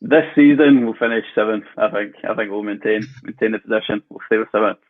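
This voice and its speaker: On a podcast, a Glaswegian football fan from Scotland chats casually as a guest, his voice on the low side and his pace quick. Easygoing, he fills his speech with fillers and light laughs, and the call audio comes through tinny and phone-like.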